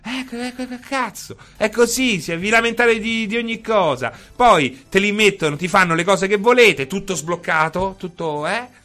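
A man's voice: high voice, normal speed, sharp tone. A man streaming and ranting in a casual, emphatic way, repeating himself and swearing freely. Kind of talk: casual livestream rant.

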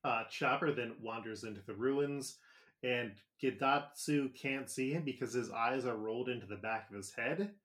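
A male podcast co-host talks through an episode recap in a loose, joking way. He laughs along and peppers his telling with filler words. His voice sits at a middling pitch. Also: normal speed, fairly bright tone.

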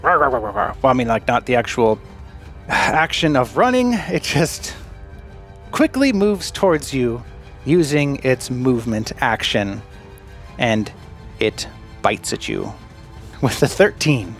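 Male game master, brisk and playful, faint music under him. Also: mid-range voice, expressive. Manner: quick, laughing, playful narration. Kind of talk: narrating a tabletop game.

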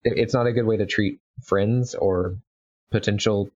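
A podcast guest chatting casually about comics, halting and joking as they go. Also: sits low, fairly even intonation, a little mellow, dull audio. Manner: hesitant, restarting, joking.

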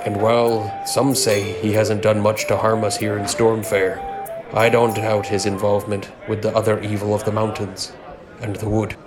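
A man voicing a glum innkeeper with a thick foreign accent, speaking in a low, confiding way. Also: level tone, normal speed, over music, lightly acted. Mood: wary, grim.

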